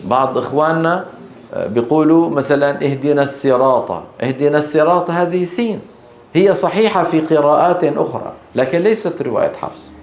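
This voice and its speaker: Man teaching Quran recitation. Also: a little high. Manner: drawn-out letter demonstrations, quizzing students. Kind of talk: tajweed lesson with call-and-response drills. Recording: echoey room, faint background noise.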